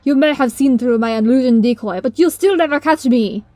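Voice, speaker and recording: Woman putting on a hammy mustache-twirling unicorn villain, loud. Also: high voice, a little fast, no echo, close to an everyday voice. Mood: gloating. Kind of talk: dramatic storybook reading. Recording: music under the voice.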